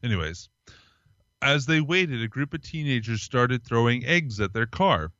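A man's voice: mid-range voice, lively intonation, normal speed, fairly bright tone, no room sound, dull audio. A man co-hosting a podcast, reading strange news stories aloud in a casual chat, with small laughs and fillers. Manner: reads from articles, laughs, hesitant fillers. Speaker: podcast co-host.

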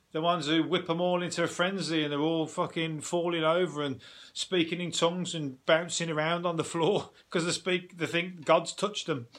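A man's voice: on the high side, a bit bright. A British man hosting a podcast as a casual solo chat, rambling and irreverent, with plenty of swearing. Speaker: podcast host.

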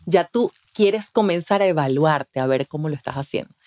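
Venezuelan woman, podcast guest, low-ish voice, expressive, peppers talk with "¿ves?". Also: moderate pace. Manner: expressive, acts out quoted voices, frequent "¿ves?". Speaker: communication mentor, guest. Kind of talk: animated interview talk. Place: podcast studio.

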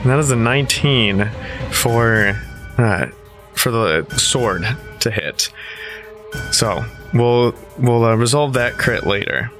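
A man's voice: medium pitch, slow pace. A man playing a tabletop role-playing game, casually describing his moves, with music behind him. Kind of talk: casual play and action narration.

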